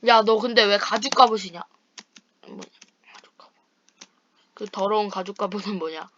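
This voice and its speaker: Gamer girl trash talking her buddy, bright voice, kinda dull muffled mic. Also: mid-range voice, moderate pace, a little hiss or hum. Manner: playful teasing trash talk. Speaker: gaming channel host. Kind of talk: casual chat while playing online with a friend.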